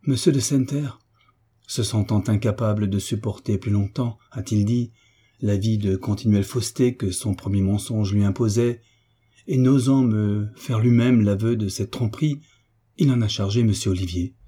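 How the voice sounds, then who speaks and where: A man's voice: lowish voice, normal speed, dark tone, slightly rough. A man voicing a proud, grieving young orphan woman in an audiobook, pleading through tears. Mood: indignant. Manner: sorrowful, tearful pleading. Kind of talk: audiobook reading.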